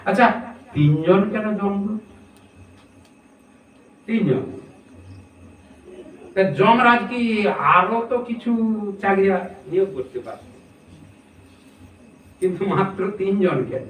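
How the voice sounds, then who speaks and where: Preaching a scripture sermon, this man explains things step by step and poses rhetorical questions to his listeners. His voice sits high and sounds expressive and slightly bright, with a slow pace and long pauses. The recording has an echoey room, a distant mic, and faint noise.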